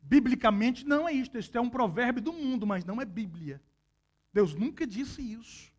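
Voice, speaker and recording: A male pastor preaching a sermon, telling a personal story with sudden loud outbursts. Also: extremely high pitch, expressive, normal speed.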